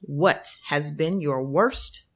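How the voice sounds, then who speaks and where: A woman's voice: sits low, extremely slow. A woman hosting a podcast with casual interview chat and a playful, teasing way of talking. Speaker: podcast host.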